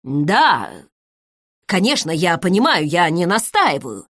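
A woman's voice: lowish voice, sing-song, fairly bright tone, no room sound, clean studio sound, exaggerated voice. Woman voicing a timid retired accountant, sixty. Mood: apologetic. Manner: hesitant, apologetic, halting. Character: timid 60-year-old retired male accountant, apologetic.

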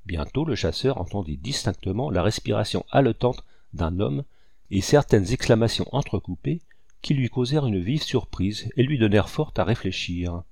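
A man reading a novel aloud as scripted narration, in a measured, descriptive way. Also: fairly low pitch, expressive, gravelly, darkish tone, no room sound, studio quality. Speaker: audiobook reader.

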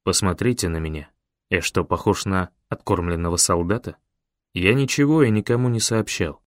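A man voicing a weary, gentle middle-aged father who speaks quietly and earnestly. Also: low-pitched, moderate pace, no room sound, studio quality, pitched below the performer's own voice, lightly acted.

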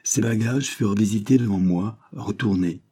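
A man with a low, warm voice narrates a classic novel as an audiobook. His reading is measured and expressive. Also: breathy edge. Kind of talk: scripted literary narration.

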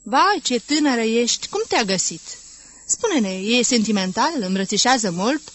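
A woman's voice: sits high, a little hiss or hum, voice pushed up, natural voice. A woman reading the part of a bold, shameless young married woman in an audiobook, teasing and confiding.

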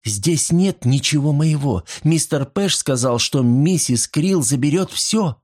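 A man's voice: fairly high pitch, expressive, a little slow, a little mellow, pitched above the performer's own voice. A man doing a tearful young woman. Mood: despairing.

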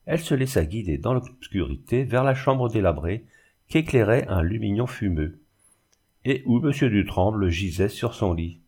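A man narrating a classic novel in a measured, even reading. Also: lowish voice, breathy edge. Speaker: audiobook narrator. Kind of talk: scripted literary narration.

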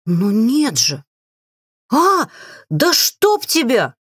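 A woman voicing a brash, jumpy young witch heroine who yells and talks back defiantly. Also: lowish voice, very animated, unhurried, husky, no echo, clean studio sound, exaggerated voice. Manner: yelling, defiant.

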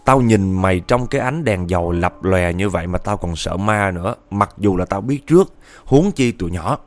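A man's voice: deep voice, lively intonation, normal speed. A man voicing a young event helper who jokes nervously with a friend.

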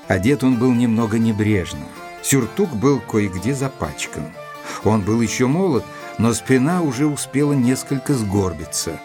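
A man plays an observant doctor telling a detective's case in an audio drama. His low voice is composed and descriptive. Instrumental music runs clearly underneath. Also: lightly acted. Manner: measured, descriptive. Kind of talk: scripted dramatised narration.

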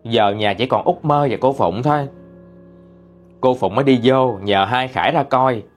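A man with a Southern Vietnamese accent narrating a ghost story in a lively, colloquial way. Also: mid-range voice, moderate pace, soft background music.

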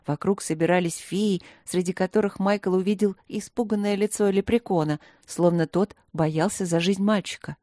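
A woman narrating a fantasy story in a steady, measured way. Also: mid-range voice, dry recording, clean studio sound. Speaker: audiobook narrator.

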